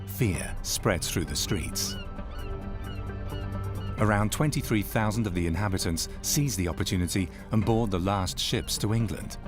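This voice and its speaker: A man narrating a history documentary in a measured, dramatic storytelling manner. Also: on the low side. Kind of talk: scripted narration. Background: music.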